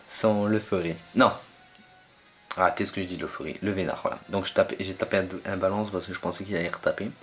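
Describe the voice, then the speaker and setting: A young man commentating his own online battle game match, hesitant and full of fillers as he searches for names. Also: lowish voice.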